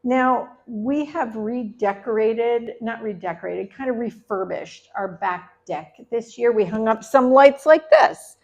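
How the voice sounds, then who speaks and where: A woman's voice: fairly high pitch, dull audio. A middle-aged woman telling a personal story to a live audience, chatty and conversational with laughing asides. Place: live event venue.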